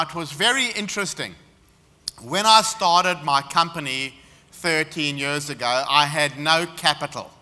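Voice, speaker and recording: With a fairly high, pushed and bright voice, a South African-accented man from South Africa appears as a guest speaker in an expo hall. He gives a confident seminar talk full of anecdotes, and the space echoes.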